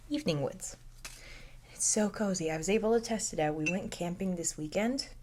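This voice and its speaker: A young woman hosting a casual knitting podcast from home, speaking softly and often dropping to a near-whisper. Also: fairly low pitch, fairly quick, a little hiss or hum. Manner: soft-spoken, drifting into near-whispers.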